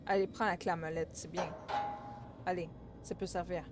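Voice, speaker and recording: A woman with a Québécois accent streaming a horror game, excitable and shouting at the screen. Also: on the low side, moderate pace, noisy background. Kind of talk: let's play commentary. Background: game music.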